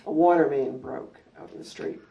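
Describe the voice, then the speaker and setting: An older woman, a former school principal, reminiscing at a community gathering in an anecdotal, measured way with frequent ums. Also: low-pitched, fairly even intonation, gravelly, warm tone, dull audio. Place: library meeting room. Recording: distant mic.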